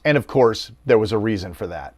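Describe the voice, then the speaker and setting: A middle-aged American man tells the story like a scripted documentary, with a wry, personal touch. His pitch swings up and down as he goes. He is recorded close and dry, with no room sound. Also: animated, brisk, a little mellow, no echo. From United States. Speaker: documentary narrator.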